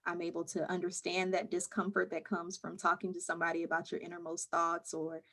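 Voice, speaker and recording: A woman mental health counselor answering interview questions in a calm, measured, explaining way. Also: lowish voice.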